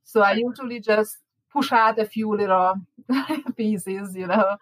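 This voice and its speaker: A woman's voice: medium pitch, measured pace, fairly bright tone, dry recording, poor audio. A woman from Hungary with a Hungarian accent, chatting casually as a baking class teacher, laughing often and restarting her words. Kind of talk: casual chat.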